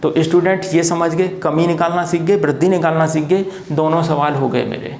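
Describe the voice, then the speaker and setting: A man's voice: a little high, steady tone, a little fast, a little mellow, slight background noise. Patient man teaching at a board. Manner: asks rhetorical questions and answers them himself; repeats key points patiently. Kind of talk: classroom lecture at a board. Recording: echoey room.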